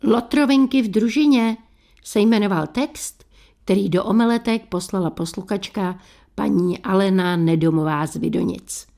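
A woman radio host presenting a listener story segment and greeting a guest with clear, articulated delivery. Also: mid-range voice, dark tone.

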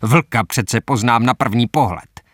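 A man's voice: mid-range voice, a bit bright, no echo, studio quality, close to an everyday voice. A man reading a story, voicing a frightened, superstitious soldier who talks anxiously and insistently. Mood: uneasy.

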